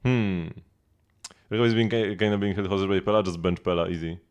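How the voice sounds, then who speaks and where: A man with a deep, clean-toned voice talks a little fast, though the audio sounds dull. He's a game streamer tossing out casual, offhand commentary, thinking aloud while he plays and chats with viewers over background music.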